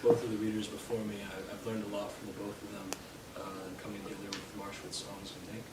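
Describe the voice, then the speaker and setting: Low-voiced young man reading poems. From Canada. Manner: halting asides full of fillers between poems, steady recital of verse. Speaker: poet. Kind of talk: live poetry reading. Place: indoor bookshop reading. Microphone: distant from the mic. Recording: roomy, distant, noisy live room sound.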